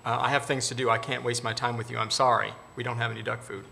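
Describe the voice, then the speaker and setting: A pompous government bureaucrat brushes off a visitor, as a man puts him on while telling a joke. The voice stays bright and forward and is delivered curtly. It is close to the teller's own everyday voice. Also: medium pitch, little pitch movement, quick pace, vocal fry. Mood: dismissive. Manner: curt, brushing off. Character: self-important male government bureaucrat, dismissive.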